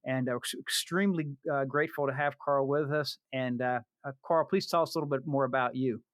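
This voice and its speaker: A man's voice: medium pitch, fairly even intonation, fairly quick, fairly bright tone, no echo. A man hosting a podcast, introducing a guest in a casual, earnest way, stumbling over words with many fillers. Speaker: podcast host.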